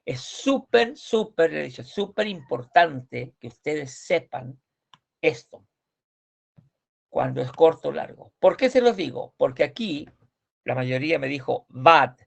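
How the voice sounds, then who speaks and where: A male language teacher speaking slowly with a deep gravelly fry in his voice. He drills pronunciation point by point and patiently corrects his students, repeating words again and again. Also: very animated. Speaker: Swedish teacher. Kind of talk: online class explanation.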